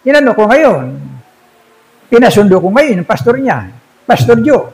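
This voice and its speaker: A man's voice: very high-pitched, very animated, moderate pace, a little mellow, poor audio. A man, an older pastor, preaching a sermon and telling a story, often asking his congregation "see?".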